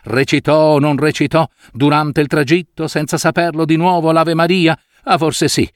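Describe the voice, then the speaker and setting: A man narrating a story for an audiobook in an expressive, dramatic reading style. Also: on the high side, normal speed, dry recording, studio quality.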